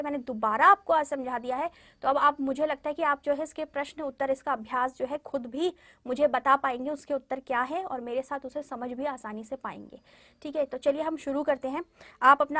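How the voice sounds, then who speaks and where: A woman teaching a class of children, speaking in a high, clear voice. She goes slowly and patiently, repeats each word for the pupils to echo back, and keeps checking that they follow. The sound is dry and close, with no room echo. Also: fairly bright tone. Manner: frequent "ठीक है" check-ins and fillers. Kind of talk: classroom lesson addressed to children.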